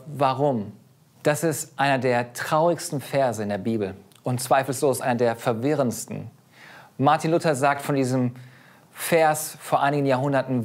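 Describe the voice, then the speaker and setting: A pastor in his thirties preaching a sermon in an earnest, expressive way, his voice rising and dropping widely in pitch and loudness.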